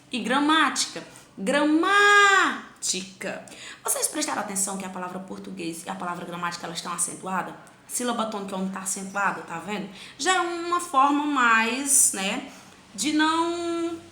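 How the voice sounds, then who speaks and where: A woman teaching a children's grammar lesson, stretching syllables slowly to show stress and asking herself the pupils' questions. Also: mid-range voice, pushed and bright, roomy sound.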